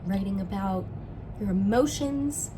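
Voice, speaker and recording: A young woman with vocal fry and a sore throat talks in a casual, slangy vlog style, often dropping in "like". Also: medium pitch, measured pace, background noise. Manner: informal, slangy, frequent "like". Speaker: vlogger, musician and sketch writing student.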